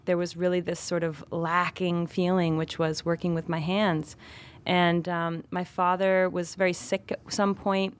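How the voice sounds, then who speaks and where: A young woman from Vermont with a fairly low voice speaks with fluent, storyteller poise. Her answers come in long, articulate runs. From Vermont, USA. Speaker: knife maker guest. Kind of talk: studio interview.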